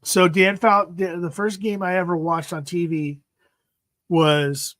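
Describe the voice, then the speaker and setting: A man's voice: high voice, flat delivery, measured pace, a bit bright, dry recording. A man in his fifties hosting a livestream, chatting casually about football in a rambling way, repeating himself and trailing off. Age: 50s. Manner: rambling, repeats "freaking", trails off mid-sentence. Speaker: livestream host. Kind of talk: casual sports chat.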